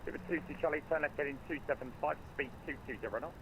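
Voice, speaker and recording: Man as air traffic controller, brisk procedural calls, noisy radio transmission. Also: a little high. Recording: noisy radio with engine drone behind.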